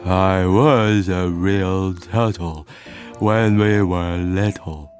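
A man voicing a mournful, self-important old turtle in a storybook reading, with drawn-out, halting phrases and heavy sighs. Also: fairly low pitch, sing-song, darkish tone, soft background music. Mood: mournful, wistful.

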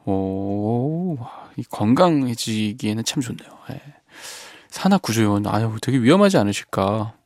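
Soft-spoken male radio DJ, dry sound. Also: on the low side, lively intonation, a little slow, no echo. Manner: soft-spoken, gently reflective, trailing off quietly. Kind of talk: late radio show reading listener messages. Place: radio studio. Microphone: studio microphone.

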